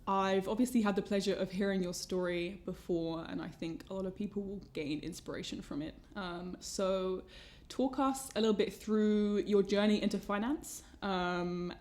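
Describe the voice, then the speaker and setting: A woman hosting an interview podcast in casual chat, friendly and filling pauses with "um". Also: medium pitch, a little mellow. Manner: friendly, many "um" fillers. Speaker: podcast host.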